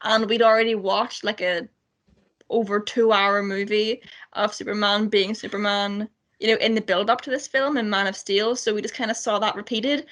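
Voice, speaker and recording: A woman's voice: medium pitch, steady tone, normal speed, fairly bright tone. Critical, exasperated woman co-host. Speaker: radio show co-host. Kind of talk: casual film discussion.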